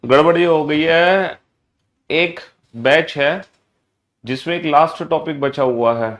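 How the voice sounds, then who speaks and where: A man teaching a live online class, energetic, repeating his phrases and mixing Hindi with English terms. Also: on the high side, slow. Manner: energetic, repeats phrases in sing-song greetings.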